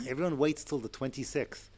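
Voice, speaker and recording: An older man voicing a wry young woman student telling a joke, in a put-on Irish accent with a sly, drawn-out punchline. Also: medium pitch, a little mellow, lightly acted.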